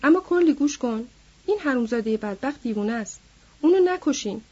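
A woman voicing a weary, grieving male ranch worker who pleads in a subdued way, with a husky voice. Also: high-pitched, expressive, darkish tone. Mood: pleading. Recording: dull lo-fi recording.

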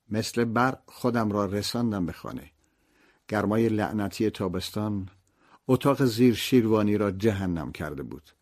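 A man's voice: lowish voice, darkish tone. Somber man narrating an audiobook. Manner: somber, reflective. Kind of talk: scripted literary narration.

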